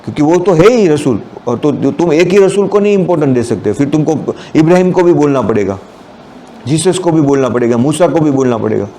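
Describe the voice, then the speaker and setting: A man preaching a Friday sermon, his voice sitting a little high but mellow and dark in tone. He explains word meanings step by step, slipping English terms into his talk, over a faint hiss in the background. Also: expressive, fairly quick.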